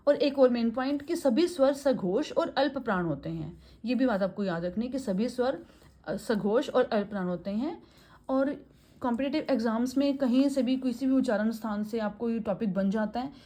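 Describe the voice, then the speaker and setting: A woman teaching a grammar lesson, asking questions and answering them herself, repeating vowel sounds slowly and mixing in English phrases. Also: fairly high pitch, warm tone. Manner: asks and answers her own questions; mixes Hindi with English phrases.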